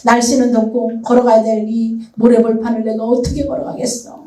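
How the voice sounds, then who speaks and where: A woman's voice: fairly high pitch, flat delivery, a little fast, mellow, roomy sound, far from the mic, close to an everyday voice, low-quality recording. A woman voicing a hungry, grumbling Israelite complaining about the desert food. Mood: whining. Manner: whining, grumbling.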